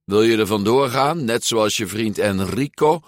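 A man reading a storybook and voicing an eager, hurried twelve-year-old boy sea monster in a raised, polite voice. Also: lowish voice, lively intonation, no echo, studio quality. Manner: hurried, polite, shouting after runaway fish.

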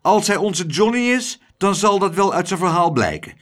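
A man reading an audiobook aloud, voicing a big, stout, quick-tempered businessman who talks bluntly and loudly. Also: high voice, very animated, pitched above the performer's own voice. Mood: cross. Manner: blunt, raised, cross.

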